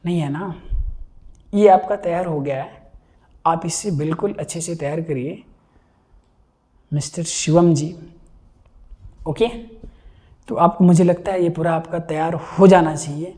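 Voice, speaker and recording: Mellow-voiced man teaching a class. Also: on the high side, steady tone, a little slow, pauses often. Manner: explanatory, repeats key words, checks students understand. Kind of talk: live online vocabulary class.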